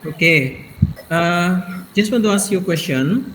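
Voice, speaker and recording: A man's voice: high voice, expressive, a little slow, fairly bright tone, a little hiss or hum, poor audio. Polite male student. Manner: polite, repeating his question. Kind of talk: asking questions in class.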